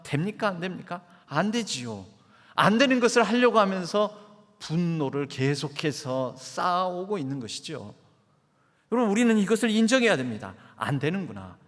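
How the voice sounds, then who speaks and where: A man's voice: fairly high pitch, a bit bright. A man, the pastor, preaching a sermon in a church and asking the congregation questions. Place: church sanctuary. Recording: church hall reverb.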